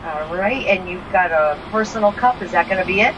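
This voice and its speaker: A woman taking orders through a drive-thru speaker, briskly repeating each item back. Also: on the low side. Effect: heard through a drive-thru speaker box. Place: heard from inside a car at a drive-thru. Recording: noisy outdoor car recording.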